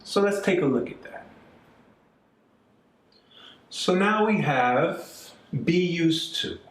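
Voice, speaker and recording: Slow, lively Canadian-raised teacher man. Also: high-pitched. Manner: patient, repeats points, frequent "okay?" and "right?" checks. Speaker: English teacher. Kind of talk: classroom-style grammar lesson. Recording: echoey room, mic at a distance, faint music.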